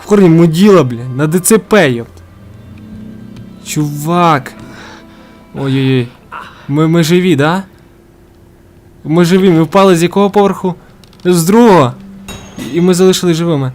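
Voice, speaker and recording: Playing a horror game for let's play commentary, a jumpy man swears constantly and yelps when startled. His voice is on the high side and a little mellow, moving at a normal speed with long pauses, while faint music plays behind.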